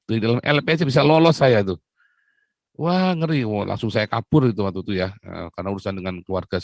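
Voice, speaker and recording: A man's voice: medium pitch, darkish tone, no room sound. A man from Indonesia preaching a sermon with personal testimony, exclaiming often and addressing his listeners as brothers and sisters.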